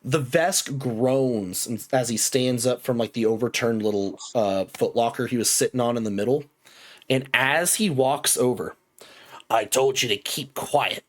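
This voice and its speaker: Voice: mid-range voice, normal speed. A game master narrating a tabletop game casually, with lots of fillers and restarts.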